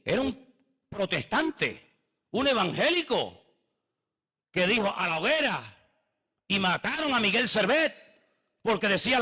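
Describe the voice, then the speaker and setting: Emphatic pastor preaching, bright voice. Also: male voice, sits high. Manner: emphatic, rhetorical questions, mimics others' voices. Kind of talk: sermon.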